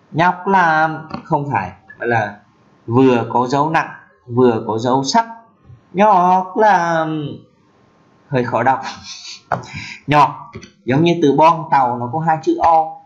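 A man giving a casual language lesson, repeating words slowly and drawing out example phrases. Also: medium pitch, muffled recording. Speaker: language teacher.

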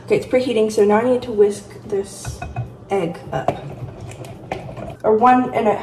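A woman's voice: on the high side, fairly even intonation, normal speed, far from the mic. Chatty teen girl in an echoey kitchen. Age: teens. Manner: chatty, self-mocking, rambling. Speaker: vlogger. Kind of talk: casual baking vlog. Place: home kitchen, indoors. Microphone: phone camera at a distance. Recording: roomy kitchen, off-mic, music.

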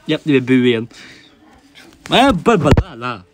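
A man's voice: mid-range voice, big pitch swings, background noise. A man giving playful Let's Play commentary, narrating the character's thoughts in jokey asides. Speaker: game commentator.

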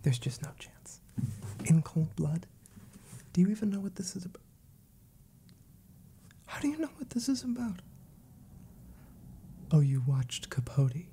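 A man's voice: sits high, sing-song, unhurried, pauses often, dark tone, slight background noise. A man in his twenties playing a fussy, exasperated, wordy librarian scolding a child in an ASMR role-play. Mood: exasperated, dismissive. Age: 20s. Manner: prim, wry, wordy.

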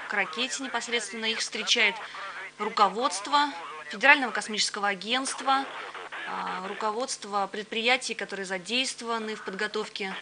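A woman hosting a live broadcast, commentating and asking questions in a conversational way. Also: medium pitch. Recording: clear hum and background noise.

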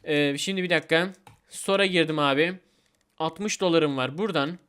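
A young man giving excited gameplay commentary as a gaming YouTuber, repeating words rapidly. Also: a little high, smooth.

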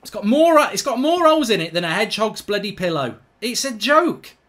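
A middle-aged man, reacting live to a football match, ranting, swearing and shouting in exasperation. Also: high voice, sing-song, fairly quick. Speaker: football fan channel host.

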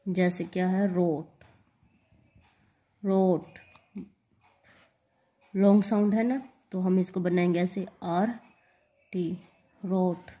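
Slow, mellow-voiced woman teaching shorthand. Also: lowish voice, flat delivery, husky. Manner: spells out letters and repeats example words. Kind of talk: slow step-by-step lesson.

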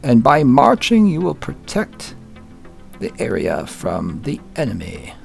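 A man's voice: medium pitch, wildly swooping pitch, slow pace, vocal fry, soft background music, exaggerated voice. A man voicing a pompous army officer who gives his men orders in a stiff, commanding way.

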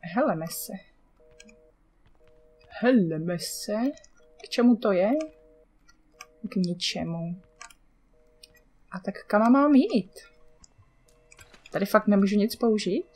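A woman's voice: mid-range voice, animated, pauses often, mellow, soft background music. A chatty woman with a Czech accent talks her way through a game in loose let's-play commentary. She mutters to herself and curses at what happens on screen. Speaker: gamer.

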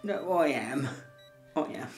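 Man playing a slow, hapless British robber. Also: on the high side, expressive. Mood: self-pitying, glum. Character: hapless, self-pitying small-time male robber. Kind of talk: naturalistic film acting. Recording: roomy distant film sound with music.

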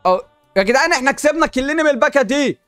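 Rapid-fire excitable Egyptian man, high voice. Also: dry recording, faint music behind. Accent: Egyptian Arabic. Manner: animated, exclaiming and talking to the game. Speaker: gaming YouTuber. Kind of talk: excited pack-opening commentary.

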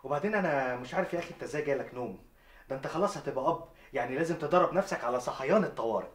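A man's voice: medium pitch, expressive, rapid-fire, close to an everyday voice. An actor playing a brash, comic young man who wants to be a singer, with an Egyptian accent. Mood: joking. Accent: Egyptian Arabic. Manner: jokey, teasing, bursts into loud off-key singing. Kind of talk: television drama acting.

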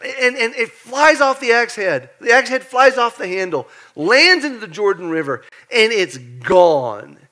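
A man preaching a lively, conversational sermon in church, animated and joking as he acts out the story. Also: very high-pitched, unhurried, few pauses. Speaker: pastor. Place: church sanctuary.

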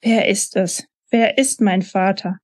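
A woman's voice: mid-range voice, steady tone, slow pace, no echo, studio quality. A woman reading the part of a 22-year-old daughter, hurt and furious, in a bitter accusing tone. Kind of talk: author reading her novel.

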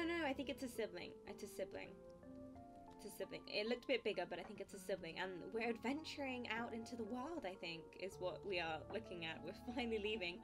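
A woman playing a video game, gushing, gasping and exclaiming with delight as she comments. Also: mid-range voice. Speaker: gaming video host. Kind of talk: let's play commentary.

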